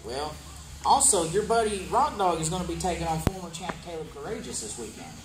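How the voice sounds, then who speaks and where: A man's voice: fairly high pitch, lively intonation, a little fast. A man hosting a wrestling promo interview, announcing upcoming matches and putting questions to a wrestler. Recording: echoey room with music behind.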